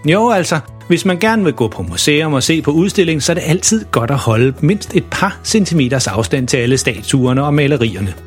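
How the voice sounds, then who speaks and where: A man narrating a funny children's story in a playful, lively way. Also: mid-range voice, few pauses, faint music behind.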